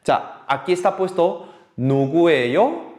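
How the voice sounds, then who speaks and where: Lively man teaching a class. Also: fairly high pitch, normal speed. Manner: lively, patient, repeats words for the class to echo. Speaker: Korean language teacher. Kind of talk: online language lesson. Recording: echoey room with faint noise.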